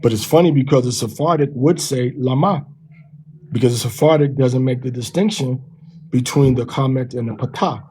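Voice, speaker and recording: A man teaching from a text, sounding out syllables slowly and repeating them. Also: mid-range voice, dark tone, a little hiss or hum, rough recording. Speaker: teacher of a language lesson.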